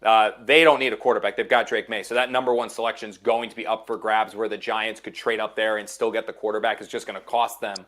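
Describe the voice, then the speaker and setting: A man's voice: on the low side, level tone, fast, few pauses, fairly bright tone. A man working as an NFL insider in a casual sports chat, emphatic and repeating phrases to drive his points home.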